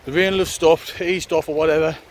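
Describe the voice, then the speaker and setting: A man with a slightly higher-than-average voice talks casually as he hikes. His delivery is wry and laid-back, with some swearing. It is recorded outdoors, with some wind and background noise. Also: fairly even intonation, a little fast. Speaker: hiking vlogger. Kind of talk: casual chat to camera while hiking. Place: outdoors on a wet, windy hiking trail. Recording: noisy, windy outdoor walking recording.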